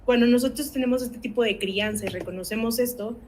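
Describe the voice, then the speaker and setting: A woman's voice: a little high, quick pace, darkish tone, a little hiss or hum, low-quality recording. A woman, an academic coordinator leading a parenting workshop, speaking earnestly and asking her audience rhetorical questions.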